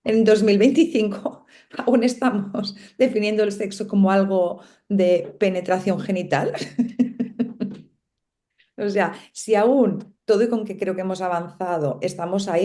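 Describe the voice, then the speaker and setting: A middle-aged woman with a Spain Spanish accent speaks as a panel guest in casual conversation. Her voice sits a little low and sounds mellow and soft. She talks in a thoughtful, musing way, checking in with her listeners as she goes. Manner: reflective, lots of tag questions and small laughs.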